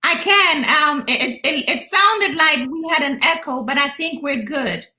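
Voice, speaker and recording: A woman hosting a casual interview over a video call, her voice slightly hoarse. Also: high-pitched, unhurried, sharp tone, roomy sound. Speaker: talk show host. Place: indoors on an online call.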